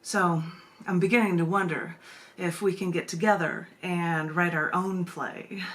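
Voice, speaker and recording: With a low-pitched but fairly bright voice, a woman hosts a virtual poetry open mic on a live video stream, casually sharing and reading her poems. Her manner is giggly and informal, with digressive asides in the chat.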